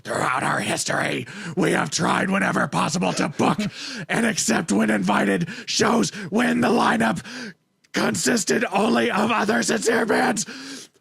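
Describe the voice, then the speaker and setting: A man putting on an exaggerated booming orator voice for a mock-dramatic reading, slow and declaiming with bursts of shouting. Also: gravelly, husky, exaggerated voice. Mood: grandiose. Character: booming over-the-top male "mega voice" orator.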